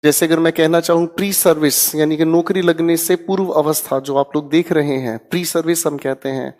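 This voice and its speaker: Energetic male vocabulary teacher, reverberant room. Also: on the high side, brisk. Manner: energetic, drills words loudly, frequent "ठीक है". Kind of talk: online exam-prep vocabulary lesson.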